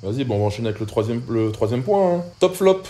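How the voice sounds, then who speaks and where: A man's voice: mid-range voice, expressive, mellow, slight background noise. A young man, co-hosting a casual chat and asking questions. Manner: quick, chatty, asks questions. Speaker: podcast co-host.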